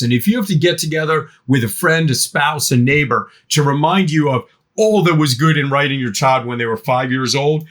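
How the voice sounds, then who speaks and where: A middle-aged man, a guest expert, answering podcast interview questions in an animated way, often acting out parents and teens. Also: mid-range voice. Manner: animated, acts out parents and teens in quoted voices.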